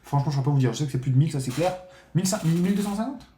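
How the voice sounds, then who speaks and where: Excitable man commentating casino bets. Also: a little high, very fast, roomy sound. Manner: excitable, swears often, addresses viewers as friends. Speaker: casino streamer. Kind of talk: live gambling commentary.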